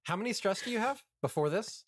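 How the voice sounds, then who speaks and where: A game master calmly narrating a tabletop game and calling for rolls. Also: medium pitch, quick pace, no room sound, studio quality.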